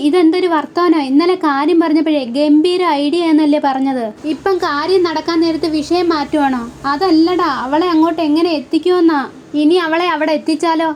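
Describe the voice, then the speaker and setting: Woman, high voice, soap opera recap, reads all the roles' lines in one flat, even way, faint background noise. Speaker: serial episode recapper. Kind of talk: reading out soap opera dialogue.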